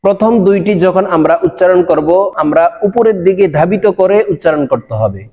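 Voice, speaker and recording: A man teaching a recorded Quran recitation lesson, drawing out and repeating each syllable slowly. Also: high voice, mellow, big-room sound. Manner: slow, drawn-out syllable drills, repeating each sound.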